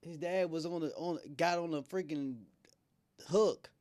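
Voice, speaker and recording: A man's voice: fairly high pitch, steady tone, unhurried, a little mellow, dry recording. A man hosting a podcast, chatting casually and rambling, laughing often as he talks. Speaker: podcast host. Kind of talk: casual interview chat.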